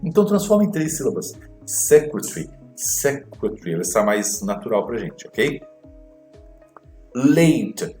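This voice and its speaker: A man teaching an exam walkthrough lesson, explaining slowly and repeating words to model their pronunciation. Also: on the low side, very animated, a little mellow, reverberant, soft background music. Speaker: English teacher.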